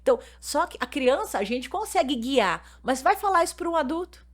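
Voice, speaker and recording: A woman pastor speaks with a Brazilian Portuguese accent in a relaxed podcast chat. Her voice sits a little high, and she explains her points earnestly through anecdotes she retells. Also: brisk. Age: adult mother. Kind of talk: casual podcast conversation with storytelling.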